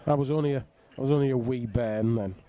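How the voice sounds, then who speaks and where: A man's voice: medium pitch, fast talker, warm tone, slight background noise. A middle-aged man giving casual, jokey live commentary on a bowls match. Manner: jokey, bantering. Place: outdoors on a flat roof in the rain.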